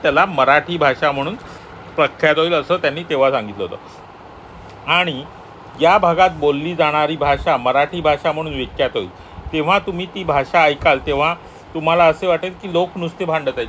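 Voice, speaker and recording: A man's voice: a little high, fairly bright tone, a little hiss or hum. A man giving a devotional commentary on a sacred text, reading passages and then rephrasing them in his own words. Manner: explanatory, repeats and rephrases passages he reads.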